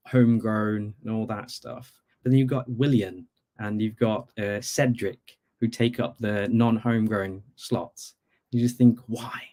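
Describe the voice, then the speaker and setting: Chatting casually about sports, a Bangladeshi football fan phones into a podcast and wanders into frequent asides. His voice is mid-range and a little mellow.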